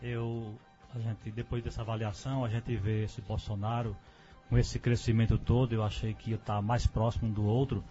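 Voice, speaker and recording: A man stating his position firmly and at a measured pace as a guest on a radio debate. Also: lowish voice, level tone, dark tone, soft background music. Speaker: guest commentator. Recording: dull lo-fi radio studio sound.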